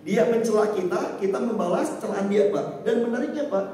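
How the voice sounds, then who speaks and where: A male preacher with a high, mellow voice gives an evening lecture in a mosque, reciting Arabic verses between his explanations. He is picked up from a distance, and his voice rings through a large, very echoey hall with a long reverb tail. Faint background noise sits under the recording. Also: animated, brisk. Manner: addresses listeners as "Pak" constantly, recites Arabic verses. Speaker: Islamic preacher.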